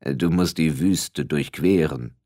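A grave, towering skeleton speaks for an audiobook, in a heavy voice that rumbles like thunder, as a male narrator puts it on. The words come slow and measured, pitched well below the reader's own voice, with calm solemnity. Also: dry recording, clean studio sound. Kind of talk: audiobook character voice.

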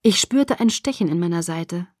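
Woman doing an audiobook, first person, dramatic and expressive, very dry close sound. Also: lowish voice, moderate pace, no echo. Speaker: audiobook reader. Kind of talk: first-person novel reading.

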